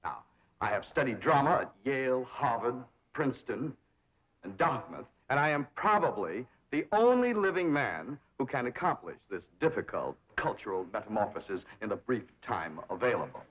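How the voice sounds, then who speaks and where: A man's voice: mid-range voice, big pitch swings, normal speed, fairly bright tone. An actor playing a pompous young man who fancies himself a cultured drama teacher, speaking in grand, theatrical tones. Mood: grandiose. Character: pompous young man tutoring a country girl. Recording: dull 1960s TV soundtrack.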